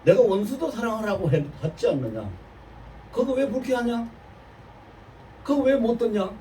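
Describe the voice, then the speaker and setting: A pastor voicing God rebuking him with pointed questions, recorded from a distance with faint noise. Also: male voice, high voice, expressive, moderate pace, dark tone, pitched above the performer's own voice.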